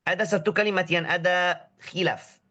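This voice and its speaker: A man with a cold teaching a tajweed lesson online, drawing Arabic words out slowly to demonstrate their pronunciation and drilling short syllables again and again. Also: high voice, steady tone, bright, forceful tone, dull audio. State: has a cold. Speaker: Quran recitation teacher.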